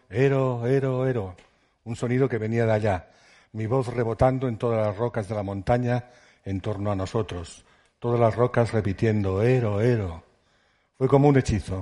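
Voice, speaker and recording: Low, dark-voiced man reading aloud. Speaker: reader of a novel excerpt. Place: auditorium event.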